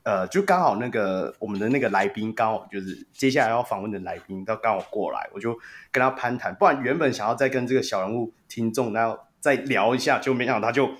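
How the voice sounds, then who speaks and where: A man with a Taiwanese Mandarin accent and a lowish voice talks fast while hosting a casual sports podcast. He tells stories with lots of animation and laughs often.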